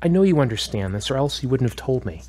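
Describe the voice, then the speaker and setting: In a scripted audio drama, a man with a mid-range voice plays a steady, firm therapist who probes. He speaks in a measured, instructive, questioning way, and the mood is stern and firm.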